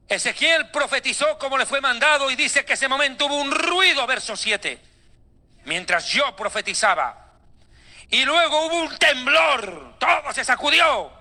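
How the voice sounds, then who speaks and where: A man's voice: very high voice, very animated, measured pace, pauses often, pushed and bright. A male preacher delivering a sermon in an emphatic, sarcastic and dramatic way.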